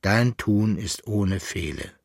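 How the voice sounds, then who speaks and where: A man reading an audiobook, voicing a pious condemned man who prays in a low, solemn voice and then cries out shrill and loud. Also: slow, no echo, clean studio sound. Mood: solemn prayer.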